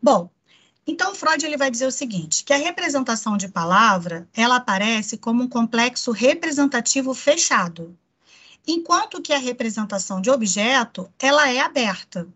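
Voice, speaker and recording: Brazilian woman, psychoanalysis lecturer, patient and explanatory, voice a little high. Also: expressive, normal speed, a bit bright, slightly rough. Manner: explanatory, frequent tag questions "né". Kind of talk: online lecture.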